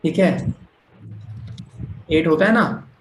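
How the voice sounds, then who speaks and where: A man's voice: on the high side, slow, roomy sound, a little hiss or hum, poor audio. A man teaching a language class online, explaining patiently, often checking that students follow, and mixing English phrases into his talk.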